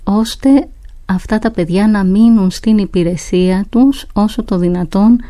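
A woman explaining historical events in a measured way, with occasional hesitant fillers. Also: mid-range voice, dark tone, dry recording. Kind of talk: explanatory talk.

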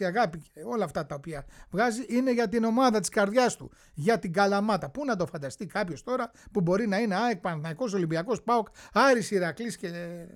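A male host telling a sports story in a chatty way, often pausing on drawn-out hesitations. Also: sits high. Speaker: radio and TV show host. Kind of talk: storytelling talk-show narration.

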